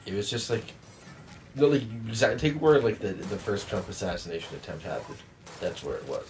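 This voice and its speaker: Quiet guy, kinda hesitant, lots of uhs, faint music behind. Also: fairly low pitch, big pitch swings, brisk. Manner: hesitant and soft, with fillers. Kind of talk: casual group chat about dreams.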